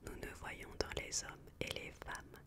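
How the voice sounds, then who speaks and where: Someone reading a book aloud for ASMR in a soft, hushed library whisper, measured and with pauses.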